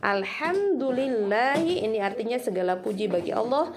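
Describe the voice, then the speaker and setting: A woman teaching students Quran recitation, speaking patiently and slowly drawing out each sound to demonstrate it. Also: fairly high pitch, expressive, creaky, a crowd in the background. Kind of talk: recorded lesson for students.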